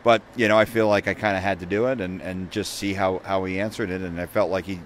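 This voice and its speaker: Low-voiced reporter, earnest and reflective. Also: male voice, fairly even intonation, quick pace, a little hiss or hum. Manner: reflective, earnest, many repeats. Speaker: sports radio reporter guest. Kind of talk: casual post-game chat. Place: inside an empty hockey arena, rinkside.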